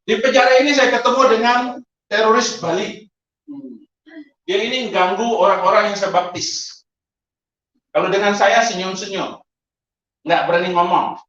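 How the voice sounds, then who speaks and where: A man, a pastor, preaching a testimony sermon with animated storytelling, frequent laughter and sudden high exclamations. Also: moderate pace, pauses often. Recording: echoey, distant, lo-fi hall sound.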